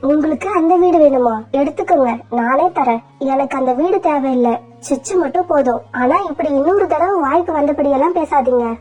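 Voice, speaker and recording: A woman voicing a gentle, self-sacrificing mother bird in a cartoon, soft and earnest. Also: sits high, brisk, soft background music, natural voice.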